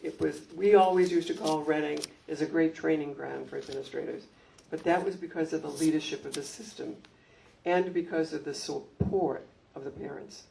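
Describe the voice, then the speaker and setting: An older woman with a gravelly, mellow voice recalls her years as a principal for a library gathering. She tells her anecdotes in a measured way, pausing on ums. The mic picks her up from across the room. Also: low voice, fairly even intonation, a little hiss or hum. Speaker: former school principal. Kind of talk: reminiscing talk at a community gathering. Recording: distant mic.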